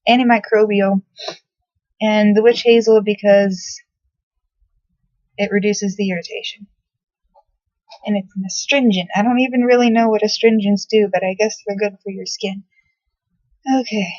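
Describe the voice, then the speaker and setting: A woman's voice: medium pitch, fairly even intonation, normal speed, pauses often, darkish tone, no room sound. A young woman casually chatting through her skincare and makeup routine in her bedroom, rambling and swearing offhandedly. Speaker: beauty vlogger. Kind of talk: casual makeup tutorial chat. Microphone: laptop built-in mic. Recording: dull dry laptop mic audio.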